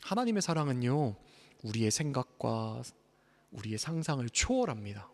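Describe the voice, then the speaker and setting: A Korean man preaching a sermon as pastor, emphatic, swinging between hushed and loud. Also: medium pitch, big pitch swings, moderate pace. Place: church hall. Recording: reverberant church hall.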